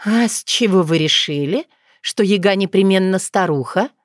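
A composed young witch with a wry, teasing calm, from an audiobook fairy tale, as a woman narrator voices her. Her pitch rises and falls in a lively way, recorded close and dry. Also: takes it slowly, no echo. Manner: calm, mildly mocking.

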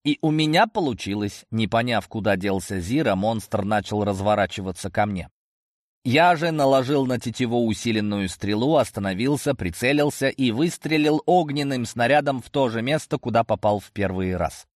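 A man's voice: mid-range voice, expressive, normal speed, no room sound, studio quality. A man narrating a first-person fantasy audiobook in a tense, action-driven way.

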